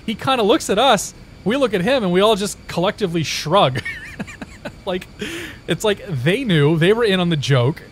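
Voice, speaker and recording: High-pitched and animated at a moderate pace, the young man from Indiana chats with his stream viewers and wanders through a story, frequently starting over. There's a little hiss or hum on the recording.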